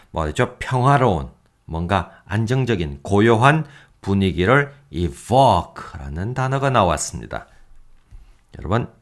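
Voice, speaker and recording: A male English teacher records a vocabulary lecture, his fairly low voice rising and falling in wide swings. He reads English examples slowly and deliberately, then drops in self-mocking jokes. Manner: lively, self-mocking asides with chuckles.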